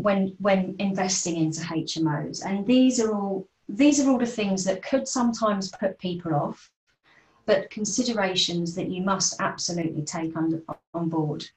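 A woman's voice: medium pitch, a little mellow. A woman explaining property investment in a casual presentation, with frequent fillers and restarts. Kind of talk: informal presentation on a video call. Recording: echoey room, distant from mic.

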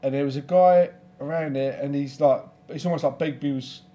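Higher-pitched man, jokey podcast co-host. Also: steady tone, a little fast, warm tone. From London, England. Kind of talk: casual banter.

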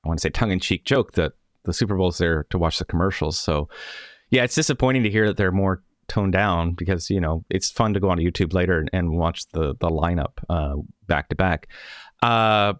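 Low-voiced rambling male podcast host. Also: a little fast, dry recording, clean studio sound. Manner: rambling, self-correcting. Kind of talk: casual chat.

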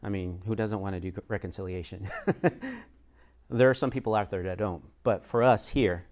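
A man's voice: deep voice, steady tone, moderate pace, a little mellow. Chatty man leading a church talk. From United States. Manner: conversational, with frequent fillers and light laughs. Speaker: chaplain and pastor.

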